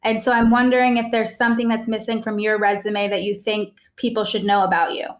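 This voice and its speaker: A woman with a slightly high, level voice speaks briskly as a podcast host. She reads a scripted introduction and then asks curious, conversational questions.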